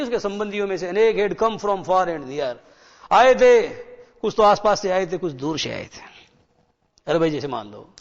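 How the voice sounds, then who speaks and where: A male teacher giving a classroom lecture, repeating key words, quizzing the children and slowing down to read English lines. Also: high-pitched. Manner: slows right down when reading English lines. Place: broadcast studio. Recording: dull sound with long hall reverb.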